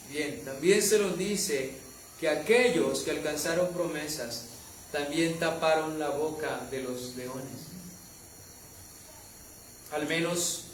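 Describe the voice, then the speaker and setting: A man's voice: a little high, reverberant, distant mic, slight background noise, rough recording. A man preaching a sermon as pastor, addressing his listeners as beloved brothers and rising to fervent exhortation.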